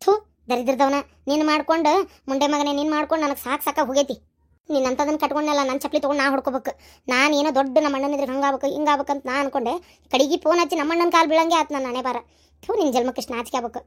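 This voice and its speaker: A woman's voice: high-pitched, fairly even intonation, very fast, close to an everyday voice. A woman voicing an upset young bride in a cartoon, speaking with a North Karnataka accent, scolding bitterly and pleading with her brother. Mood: furious scolding. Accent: North Karnataka Kannada. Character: young bride, upset sister, sharp-tongued. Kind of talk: cartoon voice acting.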